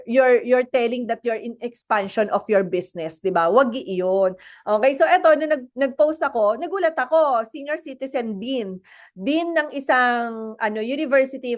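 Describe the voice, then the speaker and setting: Chatty Filipino woman, high voice. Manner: chatty, mixes English and Tagalog, asks the audience. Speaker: network marketing speaker. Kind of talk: motivational talk to an online audience.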